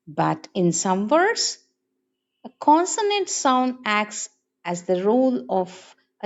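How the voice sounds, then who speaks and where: Slow, lively-pitched woman teaching phonetics. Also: dull audio. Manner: slow and deliberate, repeating each example word. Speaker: English teacher. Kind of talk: phonetics lesson.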